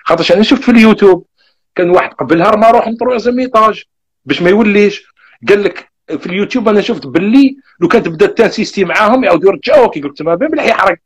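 A young man with an Algerian Arabic accent, telling his own migration story in a casual, animated way and acting out the back-and-forth. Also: high voice, slightly rough. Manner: animated, rapid retelling with quoted back-and-forth.

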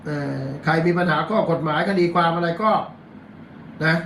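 A man with a Thai accent hosts a live commentary show as a lawyer, speaking in a high, bright voice. He is blunt and coarse and reads headlines aloud between filler sounds. The room is echoey, with faint ambience behind him. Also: normal speed, a little hiss or hum. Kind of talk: casual live-stream commentary.

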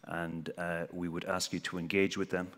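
A man's voice: low voice, little pitch movement, moderate pace, a bit bright. A middle-aged man from Galway with a west of Ireland accent, giving a wry, informal welcome speech from a stage. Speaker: conference speaker. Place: large hotel ballroom, on stage. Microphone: headset. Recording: reverberant large hall.

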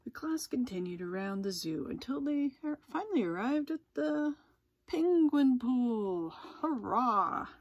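A woman reading a children's picture book aloud as a teacher's circle-time video, pausing for little asides to her viewers. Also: high voice, husky, no echo, lo-fi sound. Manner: gentle, lively, with asides to viewers. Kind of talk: storybook read-aloud for children.

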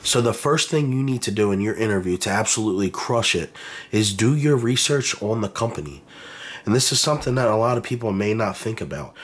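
A man with a stuffed-up, nasal voice from a cold gives casual career advice to camera. His voice sits fairly low and has a husky edge. He talks in a direct, encouraging way, dropping in plenty of ums and uhs. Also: expressive, a little fast. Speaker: YouTuber giving career advice.

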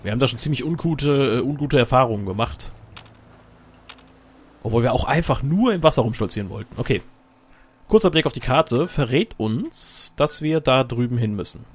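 A man's voice: mid-range voice, a little hiss or hum. A man giving casual, joking let's play commentary while he plays, talking to himself and his companion.

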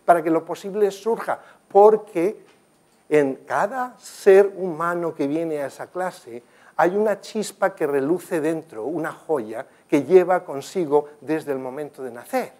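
Speaking unhurriedly in a fairly high voice, an older man presents slides in a conference room with a projector screen. He's earnest and storytelling, gesturing animatedly as he goes, and restarts now and then.

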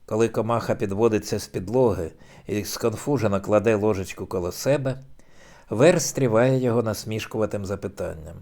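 Man reading an audiobook, low voice. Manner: measured, even reading. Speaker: audiobook reader. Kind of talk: scripted audiobook narration.

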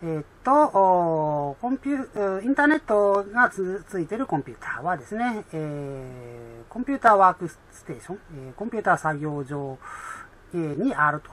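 A woman explaining an English exam in a chatty way with many fillers, reading English lines slowly and. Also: on the low side, sing-song.

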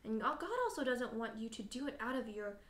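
A woman leading a children's worship lesson and prayer, gently asking the children questions and talking straight to them. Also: a little high, a little fast, reverberant.

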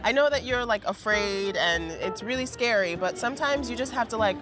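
A woman's voice: fairly high pitch, expressive, a little fast, over music, lightly acted. A woman playing a supportive friend who reassures and encourages, laughing often. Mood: encouraging. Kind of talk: web series acting.

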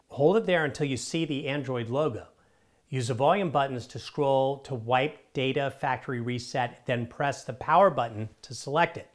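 A middle-aged man hosting a scripted tech how-to, talking in a direct, upbeat, conversational way on a lapel mic in a studio. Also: mid-range voice. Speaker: tech tips host. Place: in front of a studio screen wall, indoors.

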